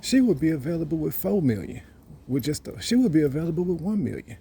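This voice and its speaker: A man's voice: fairly high pitch, sing-song, fast talker, vocal fry, dark tone, slight background noise. A man, rambling and boasting in a casual monologue that repeats itself. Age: 30s. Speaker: vlogger.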